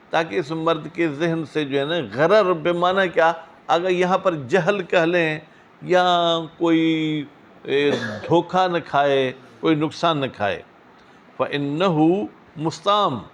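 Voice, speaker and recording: Man, seminary teacher, slightly raised pitch, reads Arabic slowly, quizzes the class in quick asides. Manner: reads Arabic phrases slowly, then explains in quick, questioning asides to students. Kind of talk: classroom lecture on a legal text.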